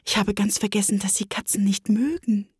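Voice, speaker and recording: A woman's voice: mid-range voice, steady tone, a little fast, a little mellow, breathy edge, no echo, clean studio sound. A woman voicing a polite, curious young girl who chatters eagerly and apologizes in a rush.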